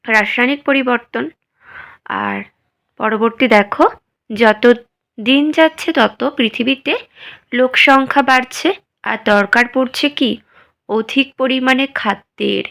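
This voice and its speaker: Slow-speaking woman teacher, slightly high voice. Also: vocal fry, fairly bright tone. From West Bengal, India. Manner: asks the class questions and answers them herself. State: feeling unwell, speaking slowly. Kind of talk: slow, simple classroom explanation.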